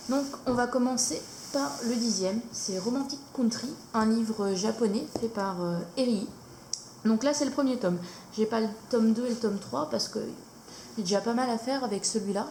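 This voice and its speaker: A woman vlogger casually showing her coloring books, hesitant with many fillers and pauses. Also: fairly high pitch, a little mellow. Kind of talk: casual show-and-tell chat. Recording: echoey room, faint noise.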